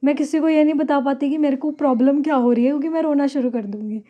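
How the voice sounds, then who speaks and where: A woman's voice: sits high, fast, highs cut off. Chatty young woman vlogger. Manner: chatty, mixes English words into her talk. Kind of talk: casual chat to camera. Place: her own bedroom.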